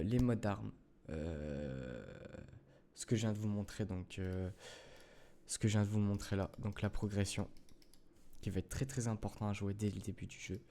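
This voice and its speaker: A gaming YouTuber with a lowish, mellow voice talks his viewers through a gameplay tutorial in casual French. He rambles, with lots of fillers and self-corrections.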